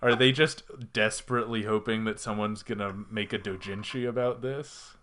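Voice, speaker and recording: A man co-hosting a podcast, speaking in a somewhat low voice. He recounts scenes in a wry, dry way during a casual review chat. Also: fairly even intonation, normal speed, fairly bright tone, a little hiss or hum. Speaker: podcast co-host.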